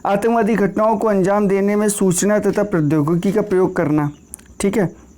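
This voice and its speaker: A man's voice: high voice, steady tone, normal speed, warm tone. A man teaching an exam-prep class with a north Indian accent. He explains in a conversational way, repeats points and keeps checking in with the class. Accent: Hindi-speaking north Indian. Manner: conversational, repeats points, frequent "theek hai" check-ins. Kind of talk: lecture on law for exam preparation.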